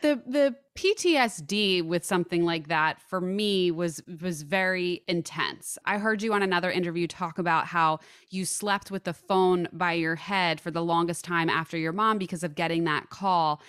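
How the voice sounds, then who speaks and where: A woman's voice: on the low side, fairly bright tone, clean tone, no room sound, studio quality. A woman hosting a podcast, talking openly and sympathetically about shared experiences and often chiming in to agree. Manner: empathetic, quick agreeing interjections. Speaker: podcast host. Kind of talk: conversational interview.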